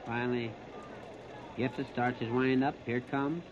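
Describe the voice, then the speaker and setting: An American man calls baseball play-by-play in clipped, short phrases in the style of 1930s radio, his mid-range voice steady and a little slow. The outdoor ballpark broadcast survives on a noisy, muffled 1939 radio disc.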